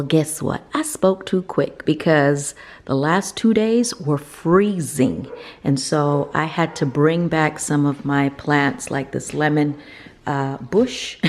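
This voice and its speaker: A woman's voice: deep voice, vocal fry, darkish tone. A middle-aged woman narrating a casual vlog in a chatty, confiding way. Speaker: vlogger.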